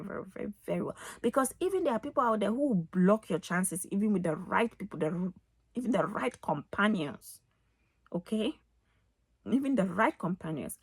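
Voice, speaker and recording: A woman's voice: a little high, a bit bright, dry recording, clean studio sound. A woman, giving life advice in a casual home vlog, preachy and emphatic, repeating phrases for stress. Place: home, getting ready for the day.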